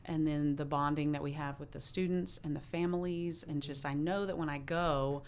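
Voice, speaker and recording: A woman who teaches choir, speaking earnestly and warmly about her work in an interview. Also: low-pitched, fairly even intonation, normal speed, slight background noise. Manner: earnest and heartfelt. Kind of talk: interview conversation.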